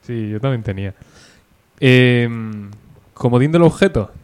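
Man, mid-pitched voice, teasing banter, casual podcast chat. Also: animated, a little slow, a little mellow, smooth. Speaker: podcast co-host.

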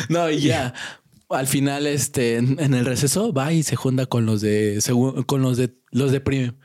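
Lively Mexican man telling a story. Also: mid-range voice, measured pace. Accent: Mexican Spanish. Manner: animated storyteller, acts out quoted voices, laughs often. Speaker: podcast co-host. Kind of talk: casual storytelling chat.

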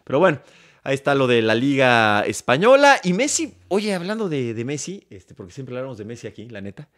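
Mexican dude talking soccer, voice swings up and down a lot, asks stuff, agrees a lot. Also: male voice, mid-range voice, a little fast. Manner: lively, questioning, agreeable. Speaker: sports podcast co-host. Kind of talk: casual football chat.

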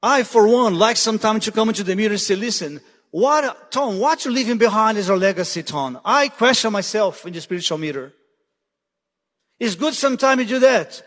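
High-voiced guest preacher, hall reverb. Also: male voice, lively intonation, a little fast, fairly bright tone. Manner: urgent, repeats "listen" to drive points home. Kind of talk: sermon. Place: church sanctuary. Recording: long church hall reverb.

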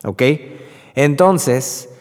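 A man with a Mexican accent at an ordinary middle pitch gives a relaxed, chatty Bible reflection. He tells the story with lively asides and frequent fillers. His voice carries a long reverb tail, as if recorded in a large hall. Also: very slow.

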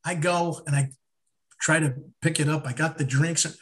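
A man co-hosting a casual chat podcast, telling stories in an animated way and acting out his own confusion. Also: fairly high pitch, normal speed. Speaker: podcast co-host.

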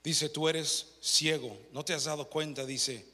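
A man preaching a sermon, shifting between quiet questions to the congregation and loud, fervent retellings of scripture. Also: steady tone, unhurried. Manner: rising to loud, high fervor when retelling scripture. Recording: long reverb of a large hall.

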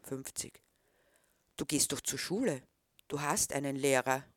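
Woman voicing a middle-aged man, disapproving, questioning, low voice, dry sound. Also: measured pace, a bit bright, dry recording. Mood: stern.

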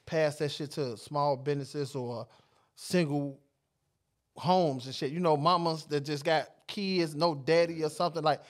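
A man's voice: on the high side, steady tone, a little slow. Laid-back joking podcast host man. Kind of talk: casual podcast chat.

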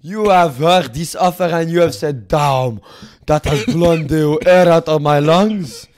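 A man's voice: fairly high pitch, a little slow, a little mellow, pitched above the performer's own voice, close to an everyday voice. Man putting on a bossy fake-French investor. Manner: put-on French accent, pompous and bossy. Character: bossy French male investor making a deal. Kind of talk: comic podcast role-play.

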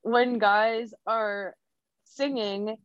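A woman's voice: on the high side, steady tone, clean tone, dry recording. A young woman co-hosting a casual chat podcast, giggly and chatty, often drawing her words out. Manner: giggly, chatty, drawn-out phrasing. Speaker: podcast co-host. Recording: dry, dull lo-fi sound.

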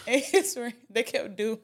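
A young woman hosting a podcast, chatting casually, swearing and laughing a lot. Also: on the high side. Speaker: podcast host. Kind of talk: casual chat.

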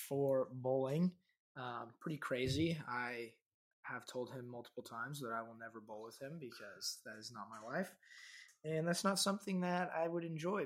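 A Kansas man in his twenties hosts a casual podcast chat in a mid-range voice that's bright and forceful. He keeps it loose and conversational, using lots of fillers.

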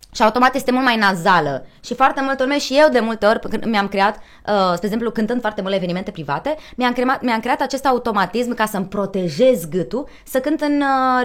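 A woman voice actor and singer, chatting and coaching, who demonstrates voices as she explains. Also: a little high. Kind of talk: casual chat, voice coaching.

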